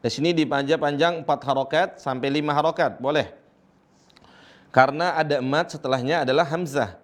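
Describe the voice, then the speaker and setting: A man with an Indonesian accent teaching Quran recitation rules, explaining each point and then chanting the verse slowly for students to repeat. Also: on the high side. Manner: asks and answers his own questions, praising students. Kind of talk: tajwid lesson with recited examples.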